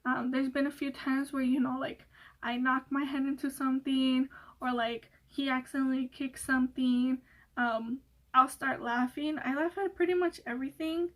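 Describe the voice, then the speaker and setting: High-voiced young woman rambling casually. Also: steady tone, moderate pace. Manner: rambling, many fillers and restarts; giggly, laughs often. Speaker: beauty vlogger. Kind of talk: casual Q&A chat.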